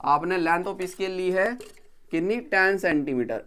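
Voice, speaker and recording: A man's voice: high voice, fairly bright tone, clean tone. Repetitive step-by-step male teacher. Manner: repeats each step, checks understanding; counts slowly while drawing. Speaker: engineering drawing teacher. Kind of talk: recorded video lecture.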